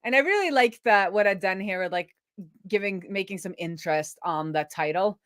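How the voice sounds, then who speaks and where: Her mid-range voice is expressive and slightly bright, moving at a moderate pace over a clean, dry studio recording. As host of a casual coding livestream, the web developer talks through her work in an offhand, thinking-aloud way.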